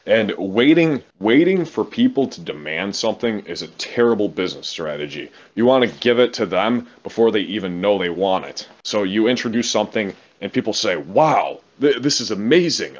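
A man speaking to camera as a game server developer, in a frustrated, profane, rapid rant. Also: deep voice, dull audio. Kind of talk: casual monologue to camera.

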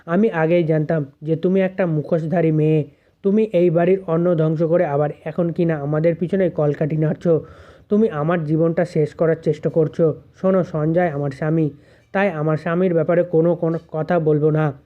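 A man's voice: a little high, fairly even intonation, brisk, lightly acted. A man voicing a young wife who angrily scolds a rival. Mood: angry. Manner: scolding, heated. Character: young wife, angry and defensive. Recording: tinny phone-like audio.

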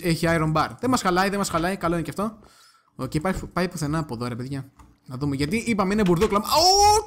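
High-voiced gamer narrating his play. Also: a little hiss or hum. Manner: chatty, addresses viewers as kids, bursts into excited yelps. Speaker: gaming channel host. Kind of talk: let's play commentary.

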